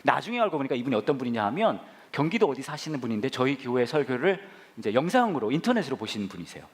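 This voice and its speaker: A man pastor telling stories in a humorous sermon, playful and animated, acting out others and bursting into shouts. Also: mid-range voice, quick pace. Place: church sanctuary.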